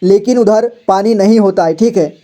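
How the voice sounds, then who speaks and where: A man with a high, mellow voice gives an unhurried reading lesson. He breaks each hard word into letters, says it again and again, and keeps checking in with his learners in a patient teacher's tone. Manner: patient, repeats each word slowly and often says "ठीक है". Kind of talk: slow explanatory lesson, spelling out words.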